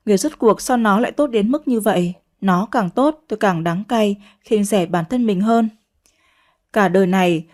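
A woman narrating a first-person romance story in a steady, unhurried storytelling voice. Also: medium pitch. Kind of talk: scripted audiobook narration.

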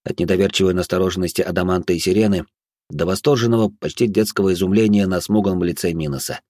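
A man reading an audiobook in the first person, steady and even. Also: low voice, fast talker, no room sound, studio quality. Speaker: audiobook narrator.

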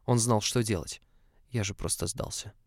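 A man reading a story aloud as scripted narration in an even, measured way, close to the mic. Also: lowish voice, gravelly, no echo. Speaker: audiobook reader.

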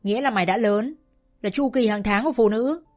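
A woman's voice: a little high, brisk, darkish tone, faint music behind, close to an everyday voice. Brash bossy girlfriend type, a woman narrator puts her on, scolds bluntly. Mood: amused.

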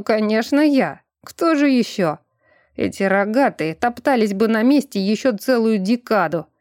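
A sly, sarcastic fox god sneers and drawls his way through every line, as a woman reading an audiobook puts him on. His speech is slow, teasing and grumbling. The sound is close and dry, with no room around it. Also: mid-range voice, no echo, natural voice. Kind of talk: audiobook character voice.

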